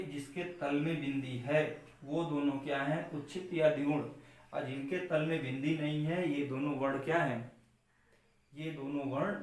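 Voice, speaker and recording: A man teaching a lesson on letter sounds, slowly explaining and answering his own questions. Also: on the high side. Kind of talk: classroom lesson on pronunciation. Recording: far-off mic in echoey room.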